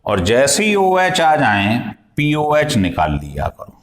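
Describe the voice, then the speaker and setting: A man's voice: medium pitch, huge pitch swings, takes it slowly. A male chemistry teacher lecturing in a classroom style, explaining step by step and asking his students questions as he goes. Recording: echoey room.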